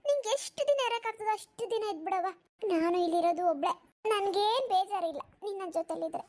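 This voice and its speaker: A woman's voice: very high-pitched, fast talker, darkish tone. A woman voicing a kindly, lonely old village grandmother in a cartoon, talking in a rustic, motherly, consoling way. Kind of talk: cartoon voice acting.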